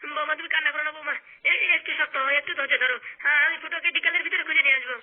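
A very high, rapid-fire cartoon tough guy, with a flat, unmoving pitch. He barks threats at suspects, then turns to soothing a distressed wife. The sound is thin and tinny, like a phone line. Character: menacing, hot-tempered man hunting his missing friend.

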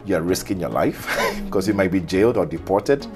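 A deep-voiced cyber security specialist from Ghana who has lived a long time in Kenya tells animated personal stories as a podcast interview guest, over music. Speaking at normal speed, he is expressive, acts out quoted exchanges and laughs as he talks.

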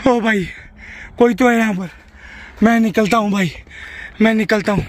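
A frightened man with a hoarse voice, calling out into the dark beside his car while filming a night ghost-hunting vlog. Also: high voice, fairly even intonation, moderate pace, slight background noise. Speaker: vlogger.

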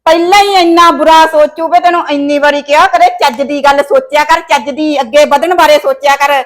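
A domineering, scheming mother-in-law, played by a woman, with a high voice. She scolds and bosses her son in a village comedy short film. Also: steady tone, a little fast, close to an everyday voice.

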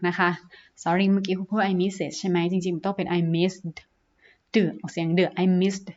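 A woman teacher with a Thai accent, reading English sentences slowly and then explaining them in Thai with fillers, in an online lesson. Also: on the low side, little pitch movement, dull audio.

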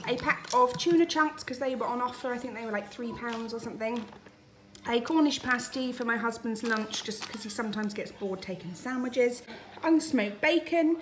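Indoors in her dining room, a family vlogger from the UK narrates a casual grocery haul. She's in her thirties with a British accent, her voice on the high side against a noisy background.

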